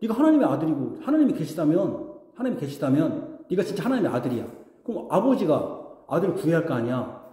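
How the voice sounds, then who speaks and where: A male pastor preaches with a lively, swinging delivery, firing questions at his congregation and slipping into mocking voices. His tone is mellow and rather high for a man. The sound rings with the long reverb of a church hall. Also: fast. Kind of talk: sermon. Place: church sanctuary.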